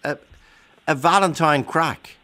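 A man's voice: a little high, slow pace, bright, forceful tone. A man with an Irish accent hosting a radio phone-in, chatting casually and probing callers with short questions. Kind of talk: casual interview chat.

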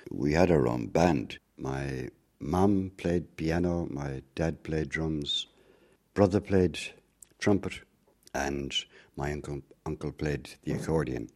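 An older Irish man, a former circus performer, telling family memories in an unhurried storytelling way. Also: extremely low pitch, darkish tone. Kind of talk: reminiscing interview narration.

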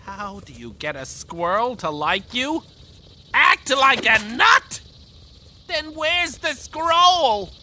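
Imperious old pharaoh villain, kids radio comedy, super sharp voice, slow and menacing, bit of noise behind. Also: female voice, fairly high pitch, very animated, exaggerated voice. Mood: baffled, irritated. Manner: imperious, theatrical. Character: menacing, vain ancient pharaoh mummy villain with bad jokes. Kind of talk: children's comedy radio drama acting.

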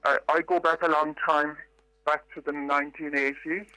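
An older Irish woman calling in to a radio show, her voice disguised by a pitch-altering distortion, telling her story in a measured, reflective way with hesitations. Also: little pitch movement, pushed and bright, no echo. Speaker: caller. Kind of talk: phone-in radio call.

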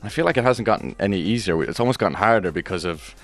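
A man's voice: lowish voice, lively intonation, fast. A man, a musician chatting casually as an interview guest. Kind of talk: casual chat.

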